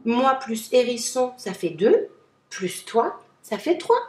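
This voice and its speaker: A woman's voice: on the high side, big pitch swings, takes it slowly, reverberant, distant mic. A woman doing a cheerful little mole. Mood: friendly.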